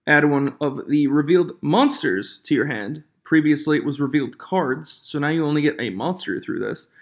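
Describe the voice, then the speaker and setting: A man's voice: on the high side, expressive, normal speed. A man hosting his own channel, chatting casually about rule changes in an echoey room away from his usual studio, on a different microphone, reading rule text aloud and getting worked up. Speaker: channel host. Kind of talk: casual commentary reviewing game rule changes.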